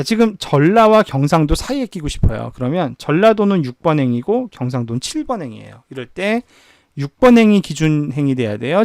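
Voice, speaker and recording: A male professor giving an online lecture and showing each step on screen. His voice is gravelly and a little high, and his pitch rises and falls a lot as he poses a question and then answers it. The recording is dry and close, with no room sound. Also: darkish tone, no room sound. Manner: asks the class questions and answers them himself; walks through screen steps. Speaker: university professor. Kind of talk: online lecture on spreadsheet software.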